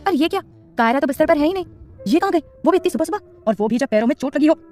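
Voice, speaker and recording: A woman voicing a gruff but caring young man in a romance story, scolding in a raised, higher voice. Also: lively intonation, racing, a little mellow, faint music behind. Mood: puzzled. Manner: scolding, exasperated.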